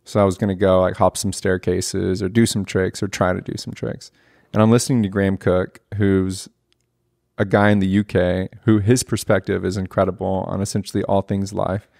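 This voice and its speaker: Earnest young man with a low voice. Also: flat delivery, normal speed, gravelly, darkish tone, no room sound, studio quality. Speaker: podcast host. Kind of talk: casual conversational podcast talk.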